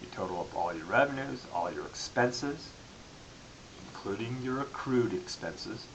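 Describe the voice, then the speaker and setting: A man giving an explanatory lecture as a college instructor, halting and restarting phrases as he goes. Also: medium pitch, expressive, fairly bright tone, poor audio. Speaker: accounting lecturer. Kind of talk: classroom-style lecture. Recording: clearly audible background hiss.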